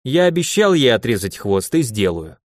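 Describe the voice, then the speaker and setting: A defiant young hero, gruff and curt, who snaps back when provoked, as the narrator voices him. His pitch moves a lot, and the sound is dry and close. This is an audiobook fantasy lead. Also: big pitch swings, normal speed, dry recording, lightly acted. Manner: curt, growling. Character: defiant young man, gruff, quick to anger.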